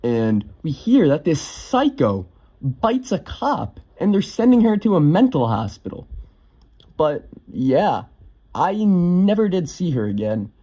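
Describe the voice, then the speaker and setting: Chill young guy telling a storytime, mellow low-key voice, says like a lot. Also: very animated, slow. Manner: offhand, swears casually, lots of fillers. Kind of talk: casual storytime narration.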